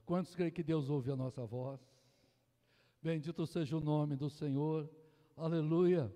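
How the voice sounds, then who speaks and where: A male Brazilian pastor preaching a fervent sermon, full of hallelujahs, moving between loud exclamations and hushed storytelling. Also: high voice. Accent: Brazilian Portuguese. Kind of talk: Pentecostal sermon. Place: church sanctuary. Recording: long hall reverb in a church.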